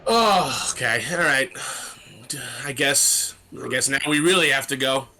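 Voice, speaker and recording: A man's voice: mid-range voice, lively intonation, unhurried, sharp tone. A man playing a tabletop role-playing game, casually bantering in character and often repeating his phrases.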